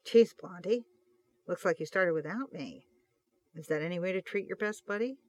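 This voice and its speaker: A reader voicing a worried, impulsive male police detective in an audiobook of fan fiction, talking loudly and pleadingly. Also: mid-range voice, moderate pace, close to an everyday voice. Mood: coaxing.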